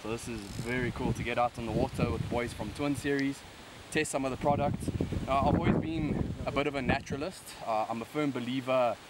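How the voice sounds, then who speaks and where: A young man with a broad South African accent offers laid-back fishing commentary and tips from a river bank. His voice sits at medium pitch with a steady tone and a fairly quick pace. He's an angler presenting a fishing video, captured with outdoor camera sound and background noise.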